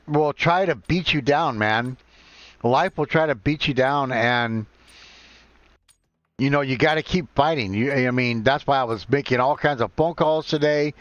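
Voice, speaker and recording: A man in his forties chatting casually and haltingly while live-streaming a game, rambling and self-deprecating. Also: mid-range voice, a bit bright, no room sound. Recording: dull lo-fi, dry sound.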